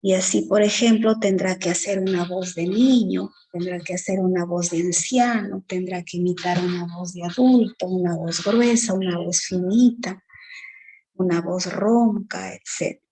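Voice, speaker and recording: A woman teacher giving an exam-prep lecture, explaining slowly with many fillers and tag questions. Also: on the low side, mellow, husky, rough recording.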